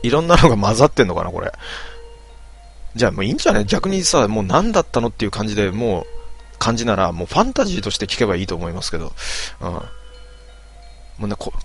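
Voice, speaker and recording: A man in his twenties talks in a fairly low voice on a late-night stream. He reads viewer comments aloud and answers each one with loose, offhand muttering. Soft music plays faintly behind him. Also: big pitch swings, rapid-fire, slightly rough. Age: 20s. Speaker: live stream host reading viewer comments. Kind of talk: casual late-night chat.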